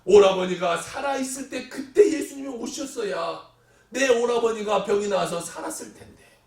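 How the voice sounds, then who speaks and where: A male pastor preaching a sermon, animated, acting out the voices he quotes and sometimes shouting. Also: high-pitched, normal speed, distant mic. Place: church sanctuary. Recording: echoey church hall, voice from off the mic.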